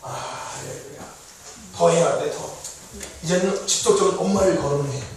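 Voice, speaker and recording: A man's voice: a little high, a little fast. A man preaching to young people in a church hall, calling for amens and quizzing his listeners. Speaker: youth pastor. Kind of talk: sermon to youth. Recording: echoey hall, distant mic, faint noise.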